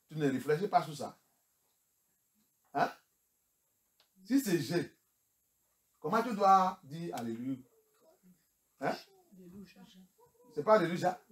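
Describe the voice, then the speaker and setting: A male pastor preaching, who moves between English and French and fires rhetorical questions at the congregation. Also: on the high side. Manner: switches between English and French, rising to shouts. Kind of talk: sermon.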